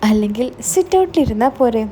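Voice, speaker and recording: A woman's voice: a little high, expressive, quick pace, mellow, a little hiss or hum, natural voice. A woman voicing a stern young older brother who scolds and demands answers.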